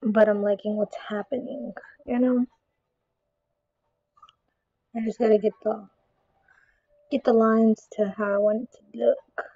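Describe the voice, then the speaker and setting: A woman's voice: on the high side, level tone, measured pace, pauses often, warm tone, dry recording, muffled recording. A woman with a Southern American accent hosting a casual painting vlog, talking to herself as she works and often dropping to a mutter or whisper. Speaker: art channel host.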